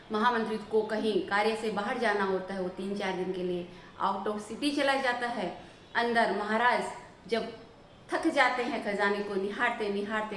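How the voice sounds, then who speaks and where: Earnest woman storyteller in echoey room. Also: medium pitch. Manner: gentle, earnest, preachy close. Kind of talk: moral story narration. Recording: echoey room, faint background noise.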